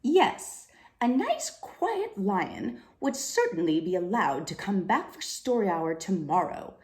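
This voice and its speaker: A woman's voice: mid-range voice, big pitch swings, slow, a little mellow. A woman voicing a strict, rule-loving female head librarian from a storybook, in a stern, commanding manner. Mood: firm but fair. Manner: stern, commanding, clipped phrases. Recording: roomy, echoing room sound.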